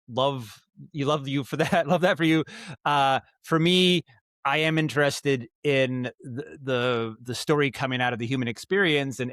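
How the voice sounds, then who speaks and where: This writer and audio drama director, a guest on a podcast, rambles thoughtfully through casual answers, frequently rephrasing as he thinks aloud. His voice sits at medium pitch with a slightly bright quality, captured dry at studio quality.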